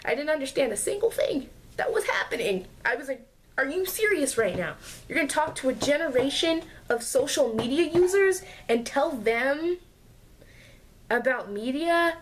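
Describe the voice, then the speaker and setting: A young woman vlogger telling a casual, exasperated storytime rant about her classes, full of sarcasm. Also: on the high side. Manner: exasperated, sarcastic, mocks classmates in put-on voices.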